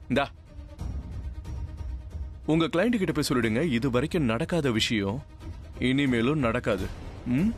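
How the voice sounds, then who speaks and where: A man's voice: medium pitch, close to an everyday voice. A man voicing a fiercely devoted husband in a dubbed TV serial, speaking with intense emphasis, scornful toward his rival. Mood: defiant. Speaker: husband declaring love for his wife. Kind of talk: Tamil-dubbed TV serial acting. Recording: TV drama dub with faint music behind.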